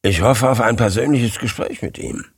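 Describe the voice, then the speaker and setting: A man voicing an excitable, easily agitated male newspaper editor in an audiobook, his voice rising high when eager. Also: moderate pace, slightly rough, no room sound, studio quality. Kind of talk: audiobook character voice.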